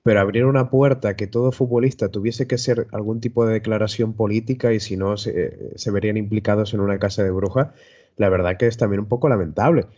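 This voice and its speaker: A man's voice: fairly low pitch, steady tone, a little fast, mellow. A man on a debate panel who talks steadily and raises points in an argumentative way. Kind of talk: debate talk. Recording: dull lo-fi audio.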